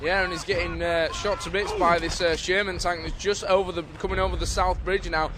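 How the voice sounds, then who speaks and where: A man co-commentating a live video game match, excitable and correcting himself as he goes. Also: sits high, a little fast, noisy background. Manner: excitable, self-correcting play-by-play.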